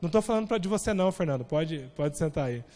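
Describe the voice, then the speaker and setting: High-voiced Brazilian pastor preaching in a hall. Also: male voice, fast. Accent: Brazilian Portuguese. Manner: conversational, animated preaching with frequent "né?". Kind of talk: sermon. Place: church sanctuary. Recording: long hall reverb.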